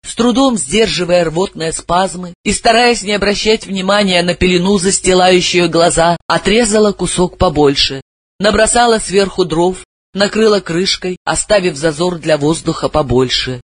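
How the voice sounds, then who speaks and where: A man reading a story aloud as an audiobook narrator, with a lively, dramatic delivery. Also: high voice, moderate pace. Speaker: audiobook reader.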